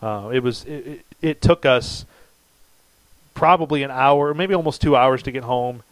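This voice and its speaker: A man's voice: mid-range voice, normal speed, no room sound, low-quality recording. A middle-aged man, co-hosting a casual chat and telling a long rambling story with many restarts. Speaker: podcast co-host.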